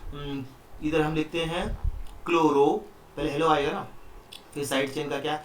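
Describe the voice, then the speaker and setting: A man's voice: fairly high pitch, little pitch movement, normal speed, slight background noise. A man teaching a chemistry lesson online, explaining step by step and often asking the students questions. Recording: echoey room, mic at a distance.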